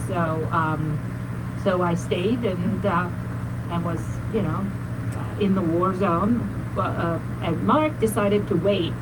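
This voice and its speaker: A woman from Serbia, a guest in an interview, telling her story earnestly and often pausing with fillers as she searches for words. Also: lowish voice. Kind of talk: casual interview talk. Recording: noisy background hiss.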